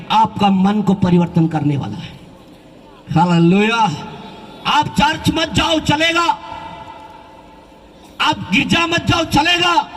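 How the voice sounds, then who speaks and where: A man's voice: extremely high pitch, fairly bright tone, long reverb tail. A male pastor preaching a fervent sermon and addressing his audience directly. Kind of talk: evangelistic sermon with a live audience. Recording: distant mic, faint background noise.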